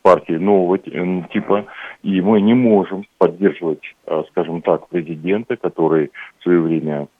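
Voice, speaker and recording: Deep male voice, formal, hesitant, phone guest, tinny phone line, dry sound. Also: fairly even intonation, breathy edge, no room sound. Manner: measured, formal, with frequent hesitations. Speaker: regional party branch leader, phone guest. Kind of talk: political phone interview.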